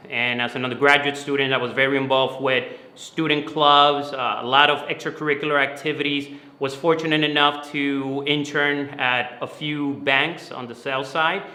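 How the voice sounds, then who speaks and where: A finance mentoring company founder, born in the Dominican Republic and moved to New York City at eleven, gives earnest, explanatory answers as an interview guest, often repeating words. His mid-range voice is steady and sharp in tone, at normal speed with hardly any pauses. The recording sounds roomy and echoey.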